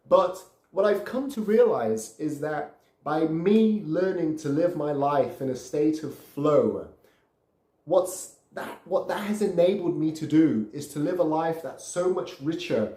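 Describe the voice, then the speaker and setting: A Brazilian man in his thirties hosts a podcast, earnestly and casually telling his life story and often repeating words while he hunts for the right phrasing. His voice is slightly high and warm, recorded in an echoey room.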